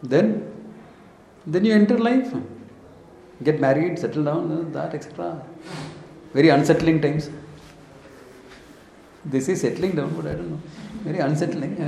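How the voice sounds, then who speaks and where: On the high side yet dark in tone, this man's voice has vocal fry, runs a little slow and pauses often, with a little hiss or hum on the recording. A spiritual teacher with an Indian accent, he gives an informal, story-driven scripture lecture in short, emphatic phrases, with rhetorical questions and switches into Hindi and Sanskrit, in an echoey room.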